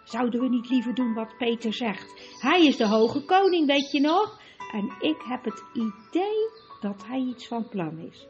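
An eager young girl who speaks up quickly and brightly, as a woman reads her. The voice sits high, and the recording is dull and lo-fi, with faint music underneath. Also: big pitch swings.

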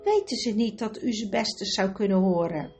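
A woman's voice: medium pitch, moderate pace, a little mellow, soft background music, close to an everyday voice. A woman voicing an earnest, kind young girl in a storybook reading.

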